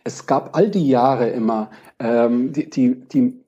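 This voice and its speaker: A man answering casually as a guest, reflective and pausing now and then to search for words. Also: medium pitch, dark tone. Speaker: podcast guest, crime novelist. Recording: dull, lo-fi connection.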